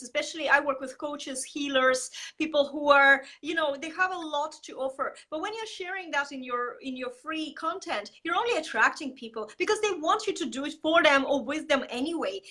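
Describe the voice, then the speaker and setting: Woman from Estonia, high bright voice, energetic and emphatic interview guest. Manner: energetic, emphatic, many fillers. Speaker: guest, marketing coach. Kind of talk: casual interview talk.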